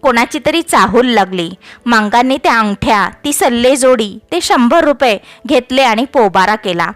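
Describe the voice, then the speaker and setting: A woman's voice: fairly high pitch, no room sound. Woman reading a story, dry and close. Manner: expressive, measured narration. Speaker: narrator.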